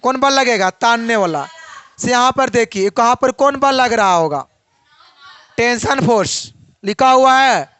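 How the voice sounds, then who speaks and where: A young man with a very high, smooth voice teaches a physics lesson, repeatedly posing questions and answering them himself. He sounds animated and sharp, speaking a little slowly. The recording is dry and close, with no echo.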